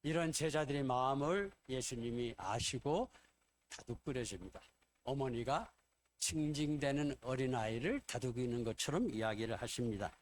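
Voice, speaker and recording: A man's voice: medium pitch, animated, moderate pace, slight background noise. A man pastor preaching a sermon in Korean, retelling scenes and acting out the quoted dialogue.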